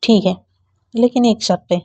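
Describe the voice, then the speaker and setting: A woman's voice: on the high side, normal speed, warm tone, breathy edge, dull audio. A woman voicing a playful old grandmother who scolds her granddaughter in a teasing, mock-stern way in a storybook reading. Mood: teasing scolding.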